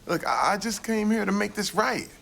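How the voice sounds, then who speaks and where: A man's voice: high-pitched, lively intonation, moderate pace, gravelly, fairly bright tone, heavily acted. An actor playing a flustered young man on a sitcom, pleading and exasperated. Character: flustered young man doing damage control. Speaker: TV station staffer in a sitcom. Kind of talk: sitcom acting. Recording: studio audience laughter, noisy. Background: live audience laughter.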